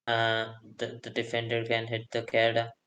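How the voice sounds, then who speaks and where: A man with a mid-range voice commentates a strategy game live. He reacts quickly and keeps questioning whether the moves were right. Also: mid-range voice, monotone, a bit bright. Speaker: esports commentator.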